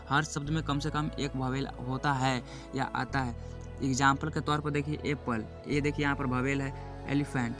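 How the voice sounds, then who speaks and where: A man teaching a beginner's English lesson, repeating each point and checking in with "okay" as he goes. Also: mid-range voice. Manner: repeats points, keeps saying "look" and "okay". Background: music.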